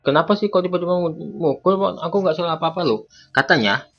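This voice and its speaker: A man voicing every character in a game role-play skit, trading quick lines and breaking into excited shouts. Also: a little high, vocal fry. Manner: quick back-and-forth, jumps between characters, bursts of excited shouting. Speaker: content creator voicing all characters. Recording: dull lo-fi audio with faint background music.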